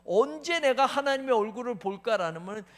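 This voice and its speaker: A male pastor preaching a sermon, animated, asking rhetorical questions, addressing the congregation, and acting out mocking taunts and anguished prayers. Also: very high voice, a little fast. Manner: addresses the congregation as "you all".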